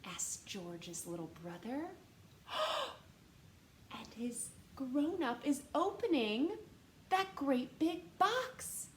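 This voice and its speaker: A high-pitched, expressive woman reads aloud to children like a teacher, with dramatic gasps and emphasis, asking questions and explaining words during an animated storytime. The recording has a roomy echo and faint background noise.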